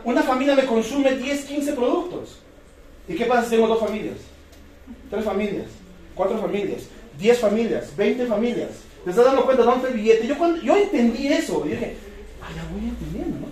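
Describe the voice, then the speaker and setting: A man with a Peruvian accent giving an energetic motivational sales talk, firing rhetorical questions and repeating key words. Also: very high-pitched, a little hiss or hum. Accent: Peruvian Spanish. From Peru. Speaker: business presenter. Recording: echoey room, distant mic.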